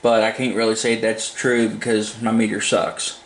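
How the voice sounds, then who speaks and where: A man with a fairly low, level voice speaks at normal speed while demoing a product from his home desk. As a hobbyist reviewer, he keeps it casual, plain and rambling, and the room sounds echoey with faint background noise.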